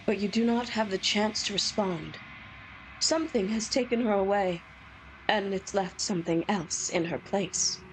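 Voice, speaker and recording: A woman's voice: medium pitch, normal speed, a little hiss or hum, low-quality recording. A woman streaming a game with playful, casual commentary, reacting aloud and reading text as she goes.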